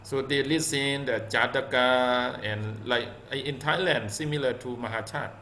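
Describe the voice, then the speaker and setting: A male Buddhist monk in an easygoing discussion, speaking haltingly with many pauses and fillers. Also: medium pitch, steady tone, pushed and bright, a little hiss or hum. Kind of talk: casual Dhamma discussion.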